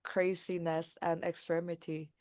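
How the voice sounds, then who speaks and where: Young woman from thailand chatting on a podcast, lively, lots of likes and ums. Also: on the low side. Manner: lively, quick, many fillers. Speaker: guest, founder. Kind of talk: casual interview talk.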